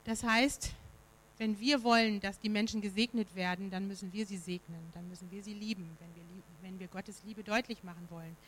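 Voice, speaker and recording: A woman's voice: medium pitch, fairly even intonation, fairly quick, fairly bright tone, poor audio. A woman preaching to her congregation in a conversational way, with fillers and rhetorical questions. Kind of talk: sermon.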